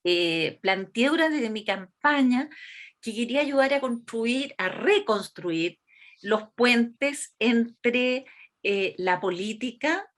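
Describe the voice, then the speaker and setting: Woman, 60s, Chilean accent, slow, thoughtful, interview guest. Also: on the high side, animated. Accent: Chilean Spanish. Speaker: interviewee, constitutional delegate. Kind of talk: reflective interview talk.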